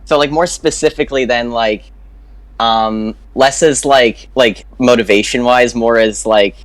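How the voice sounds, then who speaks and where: A man calls into a livestream Q&A with a question he struggles to phrase. His voice is mid-pitched and sounds dry and close. He rambles, piling up fillers as he talks. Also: measured pace, no echo. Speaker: viewer asking a question. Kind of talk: livestream Q&A call-in.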